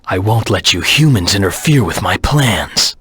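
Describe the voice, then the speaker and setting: A man voicing a brooding, grimly determined hedgehog antihero in a video game, terse and grave, with a gravelly, husky voice. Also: low voice, animated, moderate pace, sharp tone, no echo, clean studio sound, exaggerated voice. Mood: menacing, determined. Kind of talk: dramatic video game voice acting, scripted monologue.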